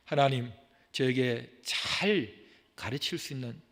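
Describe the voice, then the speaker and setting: A man preaching a sermon as senior pastor, swinging from loud urgent exhortation to hushed, near-whispered pleading. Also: medium pitch, slow pace. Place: church sanctuary. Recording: long hall reverb from the sanctuary.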